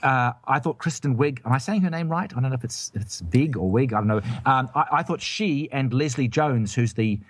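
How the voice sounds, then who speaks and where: A man's voice: mid-range voice, expressive, fairly quick, few pauses, no room sound. A man hosting a casual film review chat, rambling and hesitant with many restarts. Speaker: film review show host.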